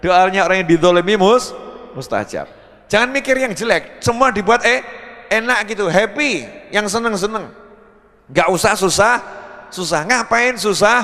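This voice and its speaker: A man's voice: high voice, lively intonation, normal speed, sharp tone. A male preacher giving a humorous sermon, acting out characters and asking his audience questions. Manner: acts out characters, jokes, asks the audience questions. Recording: long reverb of a hall.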